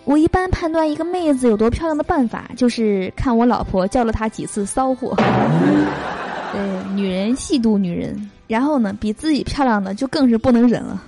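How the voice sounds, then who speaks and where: A young woman hosting a podcast, reading jokes aloud and chatting between them with lots of drawn-out fillers. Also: fairly high pitch, very animated, over music. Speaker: podcast host.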